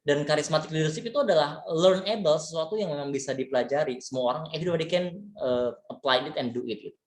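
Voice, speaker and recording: A man giving a relaxed, chatty leadership lecture, full of fillers and tag words, mixing in English terms. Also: fairly high pitch, quick pace. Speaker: leadership trainer. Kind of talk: casual webinar lecture. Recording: echoey room.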